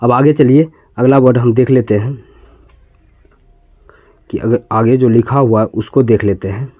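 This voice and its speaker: A man's voice: medium pitch, steady tone, measured pace, no echo. A man from India teaching an English reading lesson, spelling words letter by letter and repeating them patiently. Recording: tinny, phone-like lo-fi sound.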